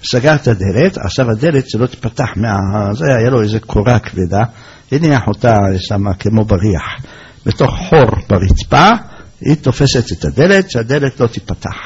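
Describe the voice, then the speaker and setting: A man telling an oral folk tale in a lively way, acting out the characters' lines. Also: mid-range voice, slightly rough. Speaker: storyteller. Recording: dull lo-fi recording.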